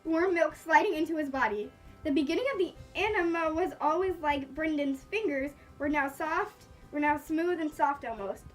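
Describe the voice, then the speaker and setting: Brief: high-pitched woman reading fan fiction aloud, a little off-mic, faint music underneath. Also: normal speed, distant mic, poor audio. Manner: reads aloud, stumbles on words, breaks off with joking asides. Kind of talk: live reaction reading.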